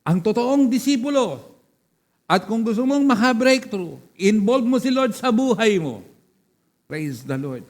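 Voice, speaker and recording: With a voice that sits high and lively intonation, a man preaches a little slowly as pastor, tossing questions and calls of praise to his congregation. The setting is a church hall, and the recording has a long church reverb.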